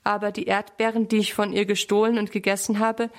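A woman's voice: medium pitch, level tone, fairly quick, natural voice. A woman voicing a shy but honest little boy lamb in a children's storybook, speaking eagerly and earnestly.

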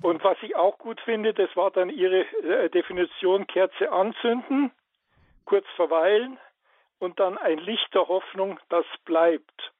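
A man's voice: high-pitched, a little slow, dry recording. A man calling in to a radio show, earnest and hesitant, with many fillers. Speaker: caller. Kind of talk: phone-in call. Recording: tinny dry phone line.

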